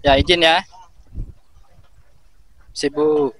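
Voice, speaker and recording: A man reporting on the spot outdoors, asking quick, short questions. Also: fairly high pitch, fairly even intonation, a bit bright, rough recording. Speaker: video reporter. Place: outdoors at a riverside settlement.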